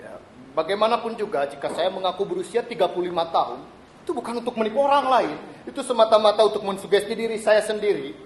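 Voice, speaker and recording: A man's voice: high-pitched, expressive, quick pace, slight background noise. A man playing a timid, apologetic middle-aged visitor on stage. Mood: deferential. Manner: deferential, addresses the other as sir, hesitant restarts. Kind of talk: stage play acting. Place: small theatre stage. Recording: roomy live stage recording.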